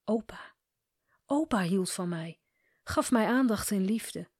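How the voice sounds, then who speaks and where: A woman voicing a young female client who is doubtful and searching, speaking quietly and reflectively. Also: mid-range voice, lively intonation, takes it slowly, husky, no room sound, studio quality. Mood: tender.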